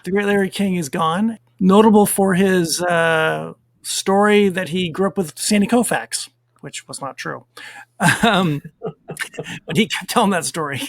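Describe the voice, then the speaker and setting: A man co-hosting a casual podcast, talking in a relaxed, rambling way with filler words. His voice is fairly high and gravelly, and it sounds dry and close, with no room echo. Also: measured pace. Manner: relaxed and rambling, with fillers while reading down a list. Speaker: podcast co-host. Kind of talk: casual chat.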